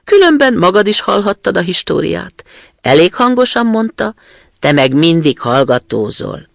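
A man's voice: high voice, very animated, gravelly, a bit bright, no echo, clean studio sound, pitched above the performer's own voice, exaggerated voice. A man voicing a bold, fierce young robber girl who talks in a brash, threatening way, in a storybook reading.

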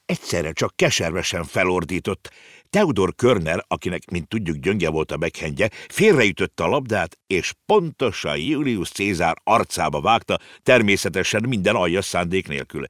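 Deep, expressive male narrator for a storybook, dry close sound. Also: no echo. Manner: expressive, animated. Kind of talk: storybook reading.

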